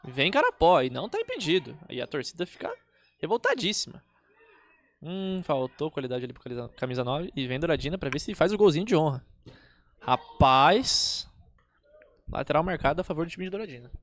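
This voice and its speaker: Male Brazilian play-by-play football caller, colloquial, slightly high voice, very lively pitch movement. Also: fairly quick. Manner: informal, colloquial. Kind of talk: live football match commentary.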